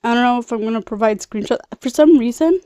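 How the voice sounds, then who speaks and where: A young adult woman hosts a video from her bedroom, casually rambling through a film recap in a slangy, tangent-prone way. Her fairly high voice moves at a quick pace, nasal and congested yet mellow, clear, and resonant. The recording is dry, with clean studio sound.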